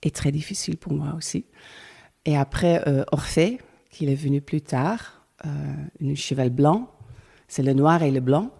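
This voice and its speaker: A woman's voice: sits low, dark tone, breathy edge. A middle-aged Dutch woman speaking French with a Dutch accent as a guest, hesitant and searching for words with many fillers. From Netherlands. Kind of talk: casual interview chat.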